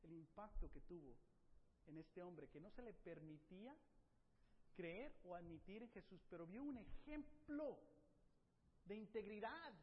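A high-voiced man preaching a sermon, animated and full of rhetorical questions to his listeners. The sound is dull and somewhat lo-fi, with a long reverb from a large hall. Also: measured pace, pauses often, husky. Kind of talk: sermon retelling a Bible passage.

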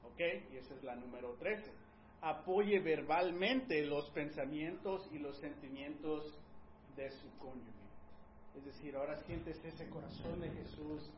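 A man's voice: a little high, unhurried. A man teaching a congregation on marriage in the manner of a sermon, speaking to the audience directly and acting out sample dialogues between spouses. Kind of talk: sermon-style teaching talk. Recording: roomy, dull sound with faint background noise.

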